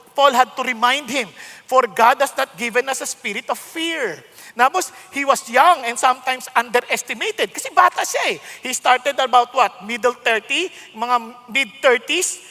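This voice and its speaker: In a long, reverberant hall, a man in his sixties with a Filipino accent delivers a sermon in an extremely high-pitched voice. He blends Tagalog and English, emphatic yet conversational, breaking into sudden loud outbursts.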